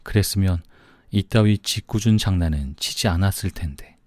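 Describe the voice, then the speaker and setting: A man's voice: deep voice, moderate pace, dry recording, close to an everyday voice. A man voicing an affectionate, teasing young male friend in an audiobook. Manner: playful, warm-hearted.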